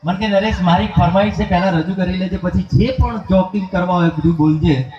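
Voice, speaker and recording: A man's voice: sits high, brisk, slight background noise. A man with a Gujarati accent telling jokes on a live stage and acting out characters in put-on voices. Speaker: stage comedian and event announcer. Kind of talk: live stand-up joke telling. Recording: roomy live stage sound with crowd, dull.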